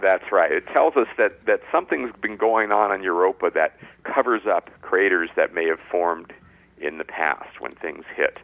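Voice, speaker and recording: Gravelly low-voiced man on phone-like line. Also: no room sound. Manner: measured, explains step by step in plain words. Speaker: science expert and author, interview guest. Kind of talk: explanatory interview talk.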